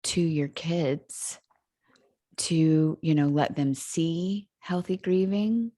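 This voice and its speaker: A woman's voice: low voice, extremely slow, dark tone, no echo, studio quality. A woman guest on a podcast, speaking candidly and reflectively in casual conversation, laughing easily.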